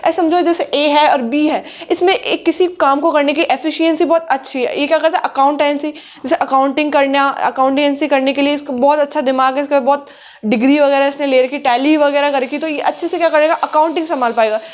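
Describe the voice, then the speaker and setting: A woman a high voice works through a commerce lesson. She mixes in as she explains, and she keeps posing questions that she answers herself. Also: fairly even intonation, a little fast. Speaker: commerce teacher. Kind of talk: classroom lecture.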